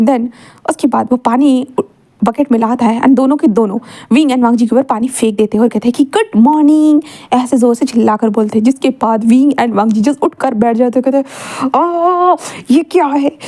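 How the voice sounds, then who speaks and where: A young woman tells a romance story at a brisk clip, voicing the dialogue herself and slipping English words into her sentences. Her voice sits a little high yet sounds mellow and soft-edged, with easy fillers and restarts along the way. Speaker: fan fiction narrator. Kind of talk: casual storytelling narration with dialogue.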